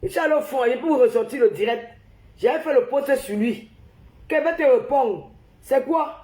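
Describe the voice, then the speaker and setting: Speaking at a normal pace in a high, warm voice, a flu-stricken woman from Cameroon hosts a phone livestream and rants heatedly, repeating herself to her viewers. The room sounds echoey.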